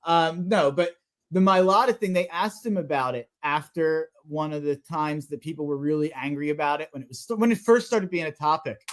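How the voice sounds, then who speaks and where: A man with a slightly higher-than-average voice chats casually about football on a live stream. He rambles animatedly and fills his sentences with "like.". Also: moderate pace. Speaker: co-host. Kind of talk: casual sports chat.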